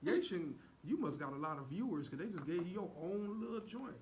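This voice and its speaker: A man co-hosting a livestream greets live viewers with playful, teasing banter and mock-churchy exclamations. His voice is high-pitched, expressive, and a little fast. The stream's audio is noisy.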